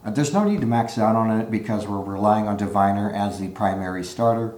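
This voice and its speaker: Guy explaining his deck, kinda low voice, says uh a lot, low quality audio bouncing around the room. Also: fairly quick. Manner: relaxed, explanatory, frequent "uh" fillers. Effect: low-quality audio without his usual mic. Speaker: card game YouTuber. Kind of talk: casual deck walkthrough. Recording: echoey room on a makeshift mic.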